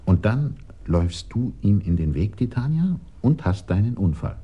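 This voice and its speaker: A man's voice: on the low side, big pitch swings, normal speed, breathy edge, highs cut off. An actor playing a scheming man who commands and instructs others at length, in a 1980s radio drama. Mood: coaxing.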